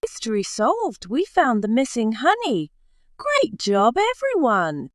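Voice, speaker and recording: Woman as eager girl explorer for storybook: animated, helpful, very dry sound. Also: a little high, slow pace, no echo, pitched above the performer's own voice, exaggerated voice. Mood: pleased.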